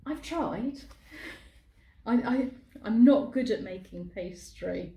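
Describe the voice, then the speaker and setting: A woman co-hosting a casual chat, gentle and explanatory, often speaking softly. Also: on the high side, expressive, takes it slowly. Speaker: co-host. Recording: roomy.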